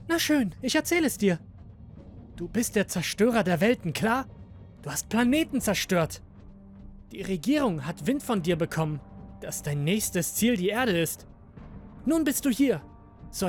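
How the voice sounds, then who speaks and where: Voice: medium pitch, very animated, unhurried, pauses often, faint music behind, voice pushed up. A narrator voicing a nervous young male guard who whispers and hisses warnings in a horror audio drama. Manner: anxious, hissing, insistent.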